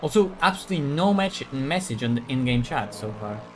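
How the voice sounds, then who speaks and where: A man's voice: mid-range voice, expressive, a little hiss or hum. A man streaming a sim race, joking with teammates over voice chat and calling out hazards. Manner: joking, quick spotter calls. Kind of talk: casual team voice chat during a race.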